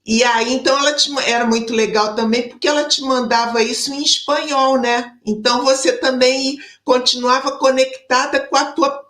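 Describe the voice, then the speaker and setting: A woman's voice: high voice, fairly bright tone, roomy sound. A woman from Rio de Janeiro interviewing an author, thinking aloud in a casual chat. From Rio de Janeiro, Brazil.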